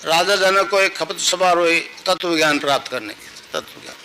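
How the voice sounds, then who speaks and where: Man, older, spiritual teacher, storytelling sermon, bright voice, faint background noise. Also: a little high, expressive, normal speed, rough recording. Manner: storytelling, teaching a mantra to repeat. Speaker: spiritual guru. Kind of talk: sermon to a live gathering.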